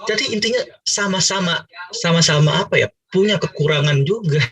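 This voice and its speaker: A man's voice: on the high side, fairly quick, fairly bright tone, recorded from a distance, poor audio. A man from Manado leading a casual Bible discussion for a cell group, chatty and teasing with many fillers.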